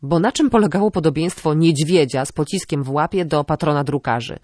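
A woman reading a novel aloud as an audiobook narrator, in a measured, even delivery. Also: sits low, no echo, studio quality. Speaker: audiobook reader. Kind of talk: scripted narration.

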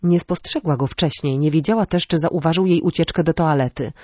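Audiobook narrator woman, steady, dry booth. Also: low-pitched, brisk, no echo. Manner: steady storytelling. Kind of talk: scripted narration.

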